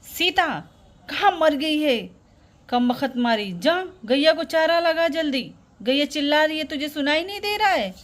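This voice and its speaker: A woman's voice: on the high side, measured pace, lightly acted. A woman voicing a harsh village mother who scolds her daughters and dotes on her son, nagging and insulting them. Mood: scolding.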